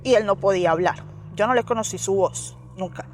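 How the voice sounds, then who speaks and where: A woman's voice: medium pitch, fairly quick, a little hiss or hum. A woman with a Colombian accent, an interview guest recounting a personal experience, acting out the voices in her story and often checking that the listener follows. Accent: Colombian Spanish. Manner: animated storytelling, acting out quoted dialogue, frequent "¿me entiendes?".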